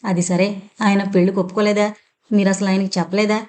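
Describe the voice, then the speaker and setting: A grave older village father speaks with quiet resignation and doubt, read by a woman narrator. The audiobook voice is close and plain. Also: mid-range voice, level tone, a little fast, natural voice. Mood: doubtful.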